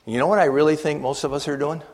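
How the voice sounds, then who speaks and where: An older man speaking earnestly to a church meeting, halting and repeating words as he asks the audience questions. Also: a little high, fairly even intonation. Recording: long reverb of a hall.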